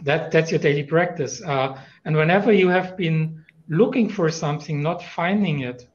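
A man's voice: fairly high pitch, normal speed. German-accented man, muffled video call. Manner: thoughtful, frequent "uh" fillers and restarts. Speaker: panelist. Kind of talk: conference panel discussion over video call.

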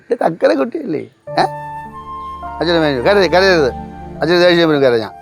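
A man's voice: fairly high pitch, big pitch swings, a little fast, creaky, soft background music. An actor playing a stubborn, drunk father who coaxes his daughter with doting baby talk. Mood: coaxing. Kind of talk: sitcom acting.

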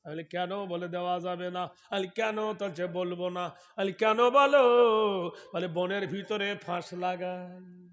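A male Islamic preacher telling a sermon story, chanting scripture in long melodic lines and breaking into loud shouts. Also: high voice, flat delivery, moderate pace.

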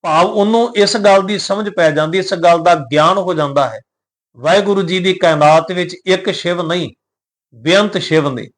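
A man with a high voice teaches scripture recitation, drawing out each verse line in a slow chant. Between the lines he speaks calmly and plainly, spelling out letters, pauses and meanings for his listeners. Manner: calm, explanatory, spells out pronunciation. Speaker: Gurbani teacher.

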